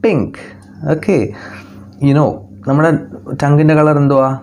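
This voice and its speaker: A man teaching young children English online, speaking English with a Malayali accent, reading English lines slowly and explaining them in quick Malayalam, and asking questions that he answers himself. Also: on the high side, steady tone, darkish tone, slight background noise.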